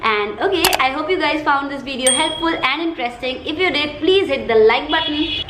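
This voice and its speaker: A woman's voice: sits high, moderate pace. A woman with an Indian accent giving a chirpy, chatty haul video as a beauty vlogger, repeating words for emphasis. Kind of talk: casual shopping haul video. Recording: echoey room, faint background noise.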